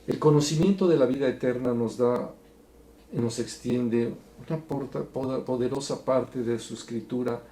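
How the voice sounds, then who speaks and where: A man teaching a Bible study in an earnest, preacherly way, going from soft to emphatic. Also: medium pitch, a little hiss or hum. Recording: echoey room.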